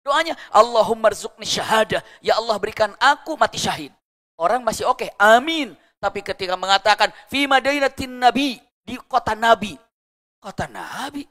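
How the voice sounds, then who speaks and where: Male preacher, lively pitch, dramatic storytelling sermon. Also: normal speed. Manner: animated, swings from loud exclaiming to hushed lows.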